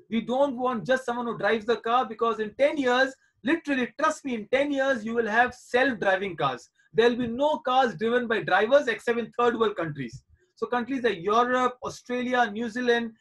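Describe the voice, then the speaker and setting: A man's voice: very high voice, fairly bright tone. A man in his forties teaching children in a live online class over a video call, reassuring and coaxing them and repeating his points. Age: 40s.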